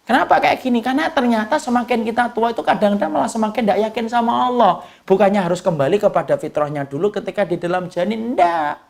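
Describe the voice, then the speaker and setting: A male preacher delivers a lively sermon, his voice rough and gravelly. He keeps asking the congregation questions and answers them himself, now and then slipping into short, humorous quoted voices. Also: high voice, fast talker. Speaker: Islamic preacher.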